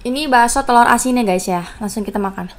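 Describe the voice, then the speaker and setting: A woman's voice: fairly high pitch, fast talker, over music. A woman with an Indonesian accent chatting casually to viewers as the host of an eating video. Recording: noisy, with clicks and clinking dishes.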